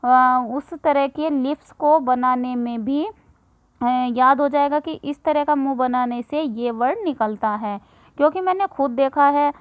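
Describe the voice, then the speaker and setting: Woman, 30s, high voice, dry close recording; chatty parenting tips host who pauses often. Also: smooth, no echo, poor audio. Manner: conversational, with frequent filler pauses. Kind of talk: casual instructional talk.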